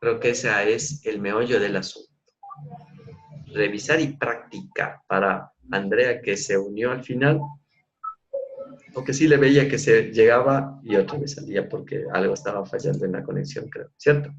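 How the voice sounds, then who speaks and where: A man's voice: lowish voice, normal speed, lo-fi sound. A middle-aged man leading an online coaching class, explaining and acting out ways of asking questions. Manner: demonstrative, acts out tones of questions. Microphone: video call.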